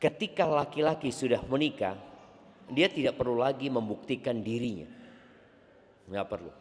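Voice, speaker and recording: A man preaching a sermon to a congregation, animated and playful, addressing the audience directly. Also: medium pitch, normal speed, in a large hall.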